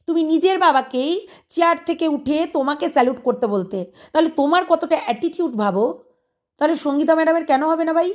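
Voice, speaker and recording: A woman with a notably high voice talks straight to camera, calling out a rival creator. She scolds and needles, firing the same rhetorical questions again and again. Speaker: online video creator. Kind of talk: confrontational monologue addressed to a rival.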